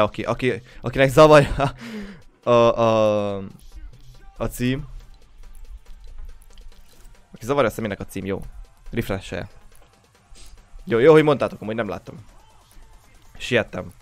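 A man's voice: mid-range voice, no room sound. A young man hosting a game livestream, just woken up, greeting viewers one by one in casual chat. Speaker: livestream host.

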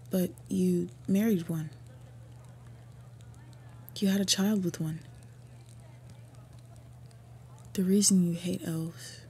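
A woman voices an earnest, respectful young orc princess in a fantasy roleplay, speaking softly and haltingly with tender pauses. Her pitch is fairly low, and a little hiss or hum sits under the recording. She sounds stunned.

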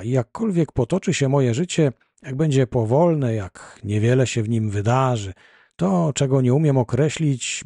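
A man reading a literary audiobook in the first person, measured and reflective, on a close, dry mic. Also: medium pitch, warm tone, husky, no echo. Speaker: audiobook reader.

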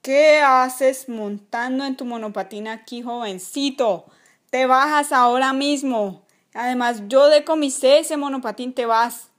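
A woman's voice: a little high, moderate pace, natural voice. A woman voicing a strict, bossy toy father who scolds and barks orders in a toy play video. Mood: stern.

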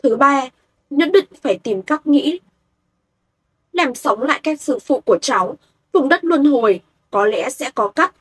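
A woman voicing a resolute young male cultivator hero, in a husky voice, in a storybook reading. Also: high voice, lively intonation, a little slow, a bit bright, exaggerated voice.

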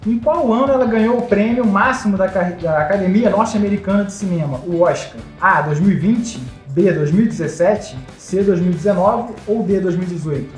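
A woman's voice: mid-range voice, a little fast, hardly any pauses, a little mellow. Brazilian woman hosting a quiz, echoey. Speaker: quiz host. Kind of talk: reading quiz questions and options. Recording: echoey, light music behind.

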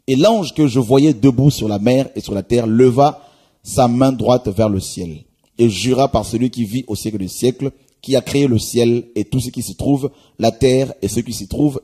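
Dark husky-voiced man preaching. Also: medium pitch. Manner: exhorting, repeats "mes amis", many hesitations. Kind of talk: Bible-reading sermon.

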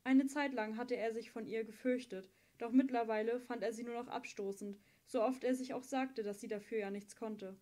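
A woman reading a novel aloud as an audiobook narrator, with steady, measured storytelling. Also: on the high side. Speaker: audiobook reader.

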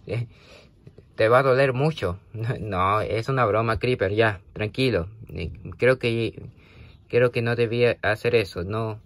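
A man's voice: on the low side, measured pace, no room sound. Hesitant man rambling, dry sound. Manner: hesitant, full of fillers and restarts, scolding then apologetic. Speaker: vlogger talking to a toy creeper. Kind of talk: rambling casual monologue.

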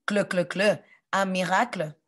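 A woman teaching a phonics lesson to children, saying sounds and words clearly and pausing for them to repeat. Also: medium pitch, fairly even intonation.

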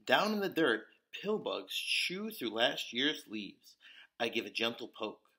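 A man reading a children's picture book aloud as a storyteller, with deliberate, dramatic emphasis. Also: medium pitch, sing-song, pushed and bright, rough recording. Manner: deliberate, dramatic emphasis with occasional whispers and exclamations.

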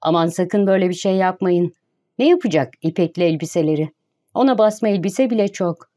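A woman's voice: fairly low pitch, a little fast, warm tone, lightly acted. A woman reading as a homely, caring landlady.

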